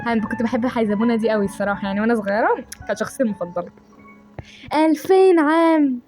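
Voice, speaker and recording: A woman with an Egyptian Arabic accent, hosting a casual game reaction video and teasing the characters in a playful, chatty way with quick restarts. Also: a little high, fairly even intonation, darkish tone, faint music behind. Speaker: gaming channel host.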